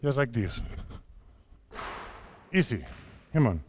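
A native Spanish-speaking basketball coach from Spain, in his fifties, gives players short instructive commands on court in a large indoor sports hall. His medium-pitched, slightly mellow voice swings widely in pitch at a slow pace, with basketballs bouncing behind him.

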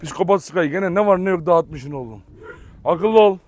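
High-voiced man calling his dogs outdoors. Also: lively intonation, normal speed, slight background noise. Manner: calls and commands dogs loudly, chatty asides to viewers. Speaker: dog breeder filming his dogs. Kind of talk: casual vlog narration. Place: outdoor farm yard with dogs. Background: dogs barking.

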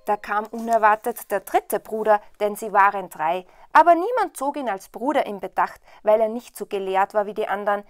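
A woman storyteller reading a fairy tale in a lively, expressive way. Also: mid-range voice, normal speed, few pauses, no room sound, clean studio sound. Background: soft waltz music.

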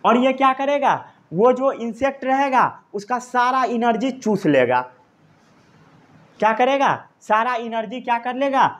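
Slow, high-voiced Indian science teacher. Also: male voice, lively intonation, fairly bright tone. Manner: repeats points, quizzes the class, dictates notes. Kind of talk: classroom lecture.

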